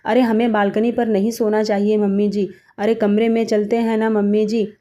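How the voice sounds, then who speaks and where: A fretful young daughter-in-law in a cartoon story, voiced by a woman, pleading and worried. Her voice is mellow and soft-edged. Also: medium pitch, level tone, normal speed, close to an everyday voice.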